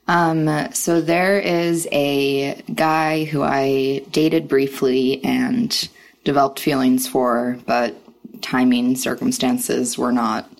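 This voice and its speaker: Very low, creaky, hesitant woman. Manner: hesitant, halting, reflective. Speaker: listener sending in a question. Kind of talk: personal voice message.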